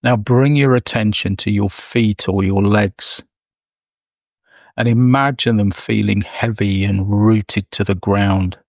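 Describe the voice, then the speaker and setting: A man leading a guided meditation, speaking softly and soothingly with long pauses. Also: on the low side, steady tone, no echo, clean studio sound. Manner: slow, soft, soothing delivery with long pauses.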